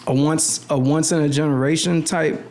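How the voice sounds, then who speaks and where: A young man telling stories in a relaxed podcast chat, full of slang and restarts, at a boom mic in a small studio room. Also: moderate pace. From Navy brat, born in the Philippines, lived in Miami. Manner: animated storyteller with frequent restarts and slang. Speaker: podcast guest, clothing designer. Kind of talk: casual podcast conversation. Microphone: boom mic on arm at the table.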